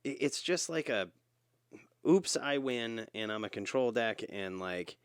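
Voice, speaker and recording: A man's voice: fairly low pitch, lively intonation, normal speed, a bit bright, clear, resonant tone, no room sound, clean studio sound. A man co-hosting a podcast in easygoing casual chat, full of "you know" fillers. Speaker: podcast co-host.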